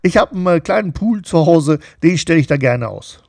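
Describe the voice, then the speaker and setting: A middle-aged man co-hosts a relaxed chat show. His voice sits a little higher than usual for a man and sounds dry and close to the mic. He rambles with many fillers and keeps checking in with tag questions. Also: moderate pace, creaky, no room sound. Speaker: podcast co-host. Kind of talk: casual chat.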